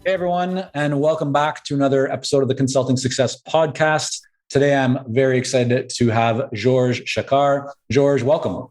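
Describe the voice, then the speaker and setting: A man's voice: medium pitch, fairly even intonation, moderate pace, darkish tone, soft background music, poor audio. A man hosting a business podcast, introducing his guest in a friendly, upbeat way. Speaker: podcast host. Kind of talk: podcast interview.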